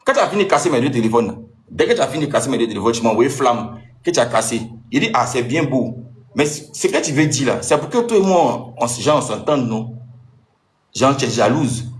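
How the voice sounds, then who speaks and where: Young man, rapid agitated monologue to an ex, mid-pitched voice. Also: animated. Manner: agitated, rapid storytelling with rising outbursts. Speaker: social media personality. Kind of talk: angry monologue addressed to an ex-partner.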